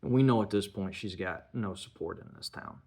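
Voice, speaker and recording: Man, film reviewer, low voice, gravelly, casual walk-through of a movie's scenes. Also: fairly quick, a little mellow. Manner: retells scenes plot point by point, slipping in dialogue.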